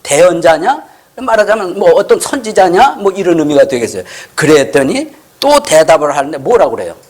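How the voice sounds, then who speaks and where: Man, pastor, church sermon, high voice, rhetorical questions to the congregation. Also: big pitch swings, a little fast, darkish tone. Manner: acts out the scripture dialogue in changing voices.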